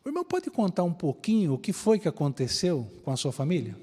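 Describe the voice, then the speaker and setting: A man with a Brazilian Portuguese accent giving a sermon-style talk, telling a story with lively rhetorical questions. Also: on the high side, quick pace. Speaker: assembly speaker. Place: large assembly hall. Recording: reverberant assembly hall.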